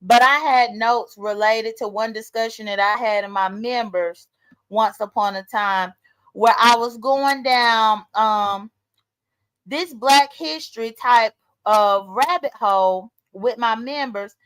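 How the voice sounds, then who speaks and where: Woman in her late 30s, high voice, blunt and emphatic, vlog commentary. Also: takes it slowly, fairly bright tone, smooth, low-quality recording. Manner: emphatic, blunt, talks straight to viewers. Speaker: vlogger. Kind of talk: casual commentary monologue.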